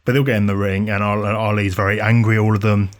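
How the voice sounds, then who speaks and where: A man's voice: lowish voice, level tone, fast. A man co-hosting a podcast, casually recapping wrestling matches in detail with many fillers and restarts. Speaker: podcast co-host. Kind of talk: casual wrestling review chat.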